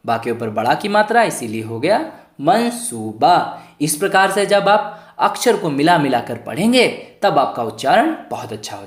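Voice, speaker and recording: A man tutoring young pupils in an online lesson, asking the class questions and answering them himself, sounding out words letter by letter. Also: high-pitched. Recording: echoey room.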